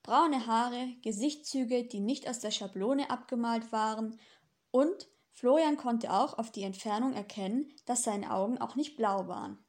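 A woman reads a novel aloud in steady, even narration. Her voice sits slightly high. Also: measured pace. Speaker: audiobook narrator. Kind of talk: scripted narration.

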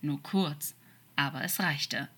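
A woman narrating a fan-fiction story as an expressive audiobook reading, sometimes dropping to soft whispers. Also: deep voice, slow pace, slightly rough.

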